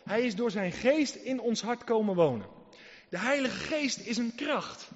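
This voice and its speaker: A man preaching a sermon, emphatic and full of rhetorical questions, who swings between loud and soft. The recording is reverberant and dull. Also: extremely high pitch, animated, a little slow. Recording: reverberant hall, dull lo-fi sound.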